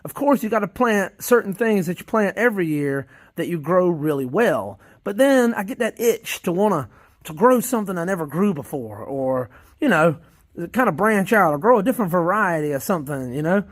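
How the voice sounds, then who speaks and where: The worm farmer vlogger, a Southern American man, sounds very animated, his voice sitting high and his pace moderate, captured in echo-free studio quality. He chats casually to viewers about his worm bins, rambling folksily, repeating phrases and restarting often.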